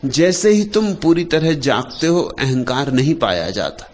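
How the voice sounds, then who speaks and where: A man giving a spiritual discourse in short, deliberate phrases, pausing often and letting his voice sink low and soft at the end of each thought. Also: lively intonation, a little hiss or hum. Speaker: spiritual speaker.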